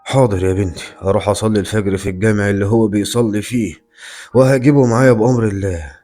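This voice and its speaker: A man voice acting a stern, worried grandfather in a horror story, speaking low, firm and measured. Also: steady tone, mellow, faint music behind, close to an everyday voice. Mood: stern, urgent.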